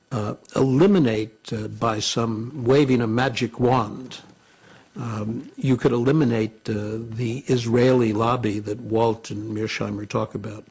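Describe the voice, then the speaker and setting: A man's voice: medium pitch, gravelly, darkish tone, slightly rough. A man giving blunt interview commentary, with fillers.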